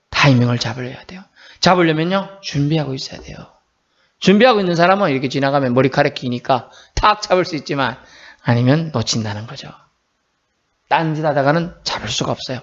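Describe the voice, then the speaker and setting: A male pastor preaching a sermon emphatically, swinging between loud exclamations and soft asides, on a dull lo-fi recording. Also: a little high. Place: church.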